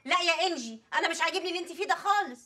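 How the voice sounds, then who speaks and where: A woman's voice: very high-pitched, expressive, racing, sharp tone, exaggerated voice. An actress playing a fussy female friend with an Egyptian accent, coaxing and nagging. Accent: Egyptian Arabic. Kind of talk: TV comedy series acting.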